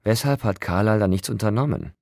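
A hot-headed young werewolf who growls and sneers, as a man puts him on in a storybook. His voice is very deep and gravelly, with a husky edge. It comes across dry and close. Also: animated, moderate pace, dry recording, full character voice. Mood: angry. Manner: growling, sarcastic. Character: hot-tempered, sarcastic young male werewolf.

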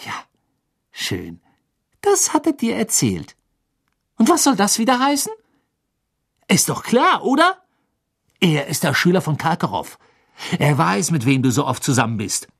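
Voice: medium pitch, wildly swooping pitch, unhurried, long pauses, slightly rough, voice pushed up, heavily acted. Ron, a sneering jealous schoolboy. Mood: jealous taunting. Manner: mocking, heated. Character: teenage boy wizard, jealous and sneering. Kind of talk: audiobook character voice.

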